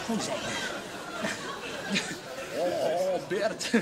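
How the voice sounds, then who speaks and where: A man's voice: high voice, lively intonation, drawn-out words, a loud crowd, very noisy. A man telling a rambling, crude story as a stand-up comedian on a theatre stage before an audience. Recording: live show with audience laughter.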